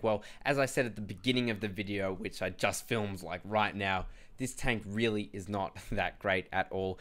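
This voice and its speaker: A young man giving casual gameplay commentary, ranting in a frustrated, animated way and often addressing viewers as "guys". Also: medium pitch. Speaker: gaming video host.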